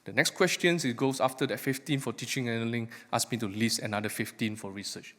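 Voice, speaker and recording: A man's voice: medium pitch, fast, a bit bright. Man presenting in a reverberant hall. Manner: questioning, engages audience with rhetorical questions. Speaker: academic researcher giving a talk. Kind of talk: live lightning talk to an audience. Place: large hall, speaking to a live audience. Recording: echoey hall with long reverb.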